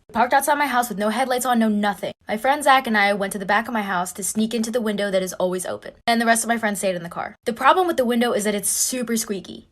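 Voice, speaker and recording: A woman's voice: fairly high pitch, fairly bright tone. A young woman casually retelling a personal story in a chatty, conspiratorial way.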